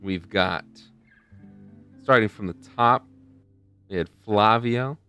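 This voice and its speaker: Speaking slowly in a low, clear, resonant voice with a sharp tone, this young man runs a charity live stream. His casual, wandering talk often loses its thread, captured on a desk mic near a face camera while faint music plays.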